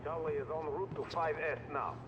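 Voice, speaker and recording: A man's voice: a little high, fairly even intonation, moderate pace, highs cut off. A man voicing a security guard giving clipped call-and-response reports over a two-way radio in a video game. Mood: routine. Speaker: guard on patrol. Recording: distant radio voice under loud game noise.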